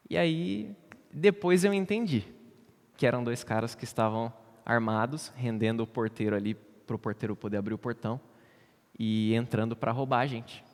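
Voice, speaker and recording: Man telling a story in a reverberant church. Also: mid-range voice. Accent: Brazilian Portuguese. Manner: storytelling, animated, wide swings in loudness. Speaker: presbyter preaching. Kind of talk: sermon illustration, personal story. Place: church sanctuary.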